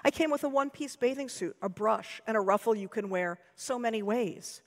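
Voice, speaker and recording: A woman's voice: on the high side, a little fast, voice pushed up. An American woman reading aloud gives voice to a sweet, vain, gossipy doll in a sugary, confiding manner. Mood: proud. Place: lecture hall. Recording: long hall reverb.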